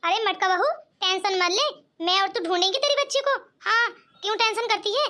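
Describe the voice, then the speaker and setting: A woman's voice: extremely high pitch, fairly quick, sharp tone. A woman voicing a bossy elderly mother-in-law in a cartoon comedy, scolding one moment and soothing the next.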